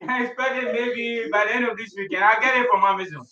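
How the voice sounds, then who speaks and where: A man's voice: very high voice, steady tone, quick pace, crowd noise. A man bantering in a teasing, joking way during a family livestream. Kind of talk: casual chat. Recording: distant, echoey, dull, noisy background.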